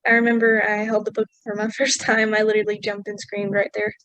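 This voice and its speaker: A woman's voice: mid-range voice, level tone, quick pace, a bit bright, no echo. A woman interviewing an author over a video call, encouraging and laughing along. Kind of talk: casual interview.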